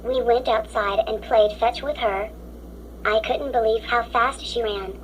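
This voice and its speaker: A woman's voice: on the high side, steady tone, unhurried, slight background noise, rough recording. A synthetic woman's voice with a robotic text-to-speech sound, reading children's stories aloud in a stiff, mechanical way. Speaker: story app narrator.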